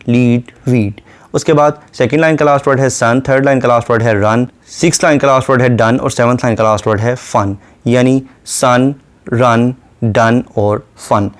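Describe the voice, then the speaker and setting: A male literature lecturer with a mid-range voice. He reads English verse slowly, line by line, and then explains terms in a brisk, methodical teaching manner. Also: medium pitch, a little mellow. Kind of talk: poetry lecture.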